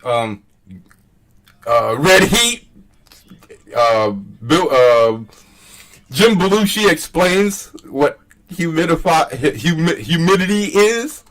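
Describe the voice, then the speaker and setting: A man with a bright, forceful voice talks through online spats at an unhurried pace. He rambles casually, mocking and swearing as he goes. The microphone sits a little way off from him. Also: fairly high pitch, expressive, recorded from a distance, rough recording. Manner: mocking, profane, chuckling at his own jabs. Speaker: host. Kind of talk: casual rambling commentary, reading out online exchanges.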